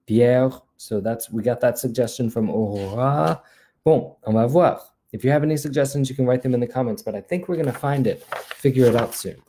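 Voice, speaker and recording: A man's voice: medium pitch, normal speed, warm tone, slight background noise. A male language teacher reading a children's story time, switching between two languages and patiently repeating words for learners.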